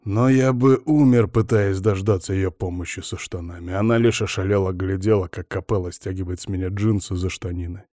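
A man narrating an audiobook in the first person, his own lines low and subdued. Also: brisk, few pauses, warm tone, no room sound. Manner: hoarse, low and subdued in dialogue. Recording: dry, close studio sound.

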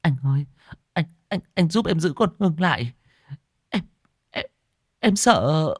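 A man's voice: a little high, lively intonation, unhurried, husky, no room sound, clean studio sound, pitched above the performer's own voice. A man doing a scared, pleading young woman. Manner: pleading, stammering. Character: frightened young woman pleading with her friend. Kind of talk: horror story narration.

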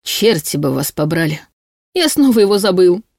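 A woman reading an audiobook voices an arrogant, short-tempered male high demon who growls and snaps his lines. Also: measured pace, gravelly, darkish tone, no echo, studio quality. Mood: irritated growl. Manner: growling, snapping.

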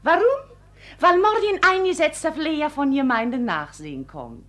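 A tearful young maid in broken German, high and swooping voice; radio play role. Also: female voice, animated, normal speed, a bit bright. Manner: broken German, pleading then defiant. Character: young unwed servant girl, desperate and tearful. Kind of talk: 1950s radio play acting.

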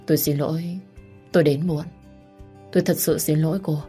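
A woman's voice: low voice, fairly even intonation, normal speed, dark tone, soft background music, lightly acted. A woman voicing a cold, detached young husband who speaks curtly, in a storybook reading. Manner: curt, detached.

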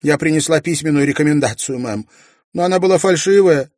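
A man's voice: on the high side, a little fast, darkish tone, dry recording, clean studio sound, pitched above the performer's own voice, close to an everyday voice. A man voicing a timid young woman maid who pleads through tears, in an audiobook. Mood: ashamed tearful. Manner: pleading, sobbing. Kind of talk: audiobook character voice.

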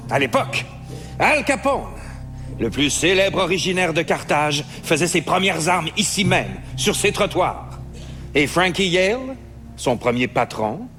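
An actor playing a reflective, wry immigrant lawyer who narrates a stage play in a measured, musing tone. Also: male voice, a little high, a bit bright. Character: reflective middle-aged Italian-born immigrant lawyer, wry. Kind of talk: theatrical stage monologue.

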